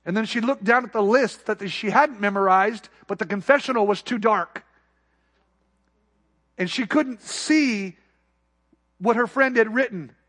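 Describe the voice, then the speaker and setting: A man with a notably high voice preaches a sermon to his congregation. He builds to emphatic high points, then drops into quiet, soft asides. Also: measured pace, long pauses. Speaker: pastor.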